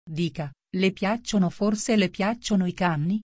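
A woman's voice: mid-range voice, measured pace, a little mellow, dry recording, studio quality, lightly acted. A woman voicing a polite, curious little girl in a storybook reading, coaxing and chatty.

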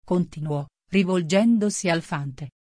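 Low-voiced woman narrating a storybook. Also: unhurried, mellow, dry recording, studio quality. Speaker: audiobook narrator.

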